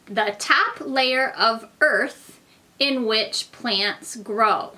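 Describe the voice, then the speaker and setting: A woman's voice: fairly high pitch, extremely slow, pushed and bright, low-quality recording. A woman teaching a reading lesson to young children, explaining things simply and patiently like a kindergarten teacher talking to little ones.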